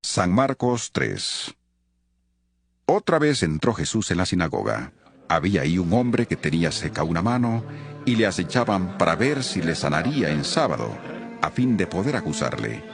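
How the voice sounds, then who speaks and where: A man narrating a Bible reading in a solemn, expressive scripted style. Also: sits low, normal speed, vocal fry, slightly rough, faint music behind.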